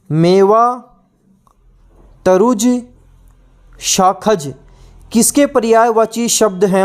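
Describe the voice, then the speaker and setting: High-voiced man drilling word lists. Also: a little mellow. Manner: asks and answers his own questions. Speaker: teacher. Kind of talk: exam-prep lesson.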